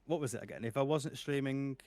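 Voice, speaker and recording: A man's voice: mid-range voice, quick pace, darkish tone, dry recording. A young man, a guest streamer chatting casually on a podcast, laughing often and swearing freely.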